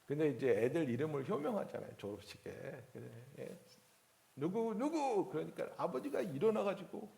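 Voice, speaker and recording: A man's voice: on the high side, very animated, moderate pace, gravelly. A man preaching a sermon as pastor, telling a story and acting out the voices in it. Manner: rising to forceful preaching.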